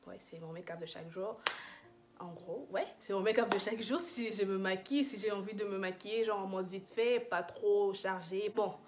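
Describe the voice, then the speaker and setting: A woman's voice: mid-range voice, moderate pace, background noise. A young woman chatting casually in a makeup review vlog, gushing and full of fillers and restarts. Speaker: beauty vlogger.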